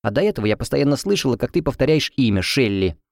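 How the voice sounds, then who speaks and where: A man voicing a sharp-tongued, irritable young woman who shares a room, speaking in a scolding, snappy way. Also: medium pitch, big pitch swings, fast talker, creaky, dry recording, studio quality. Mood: insistent.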